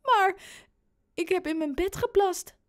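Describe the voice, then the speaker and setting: A woman voicing a small playful boy in a storybook reading, with a high, whiny little-boy voice. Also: very animated, slow, warm tone, heavily acted. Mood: fake whining.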